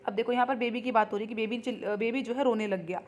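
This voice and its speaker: Lady teacher with a slightly high voice going through grammar step by step, reads examples out slow, faint hiss behind. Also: steady tone, a little mellow. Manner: explains patiently in Hindi, reads English examples slowly; repeats ठीक है as a check-in. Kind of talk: recorded online grammar lesson.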